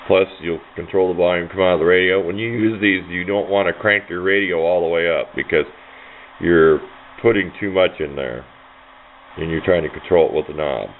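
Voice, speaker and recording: A deep-voiced man speaking at normal speed gives a hands-on electronics tutorial as a hobbyist, keeping it folksy, informal, and rambling. The sound is dull and lo-fi, with faint background noise.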